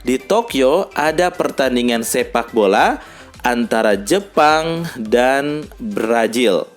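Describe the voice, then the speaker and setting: A man teaching a language lesson, who reads example dialogues slowly and explains them patiently, with faint music behind him. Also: mid-range voice, lively intonation.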